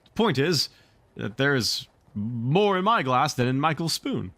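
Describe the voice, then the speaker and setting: A man acts out a middle-aged father from a children's storybook, vain and blustering. He retorts with pompous indignation, and his pitch moves around in a lively way to cover his cowardice. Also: measured pace, dry recording. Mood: testy.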